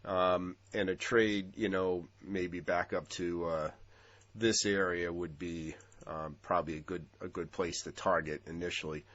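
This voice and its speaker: A man with a stuffy, congested voice from a cold, giving casual market commentary over trading charts, relaxed with lots of ums and uhs. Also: low voice, a little slow, dull audio. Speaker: futures trading analyst.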